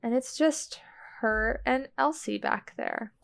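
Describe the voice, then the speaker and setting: A woman with a slightly high, gravelly voice speaks slowly. She's a player on a tabletop roleplaying podcast, casually improvising a description of what her character does.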